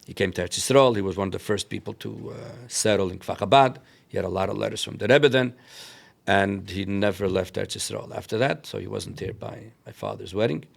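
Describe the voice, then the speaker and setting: Low, creaky-voiced man with inflection. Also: brisk. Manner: mixes in many Yiddish and Hebrew words. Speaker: interview guest, rabbi telling family history. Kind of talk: conversational storytelling.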